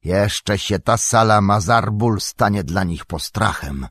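A man's voice: lowish voice, expressive, slow, fairly bright tone, no echo, exaggerated voice. A man voicing a bold warrior who gives urgent orders in an audiobook reading. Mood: tense.

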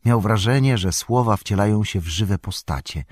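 A man narrating an audiobook in an expressive, lingering manner. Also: fairly low pitch, normal speed, no room sound, studio quality. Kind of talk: scripted narration.

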